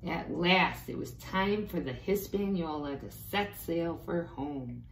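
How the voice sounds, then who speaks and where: A woman with a fairly low voice and lively intonation takes her time as she reads a storybook expressively to young children, pausing for small explanatory asides. Faint noise hangs in the echoey room.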